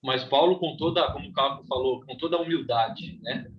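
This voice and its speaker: A man's voice: mid-range voice, a little fast, dull audio. Brazilian man teaching a Bible class. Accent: Brazilian Portuguese. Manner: reads scripture aloud, then explains with frequent "né?".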